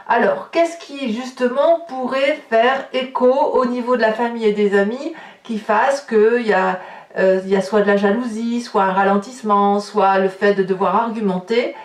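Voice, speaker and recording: Tarot reader in an echoey room. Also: female voice, a little high. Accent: French. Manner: talkative, many fillers and restarts. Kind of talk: tarot reading for viewers. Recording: echoey room, voice a bit far from the mic.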